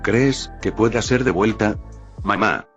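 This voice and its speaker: Abel, nervous son who doubts himself, trembling words, deep voice, read out by a man, dull audio w faint music. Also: a little slow, fairly bright tone. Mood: tearful. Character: Abel, anxious grown son of the first man, an angel.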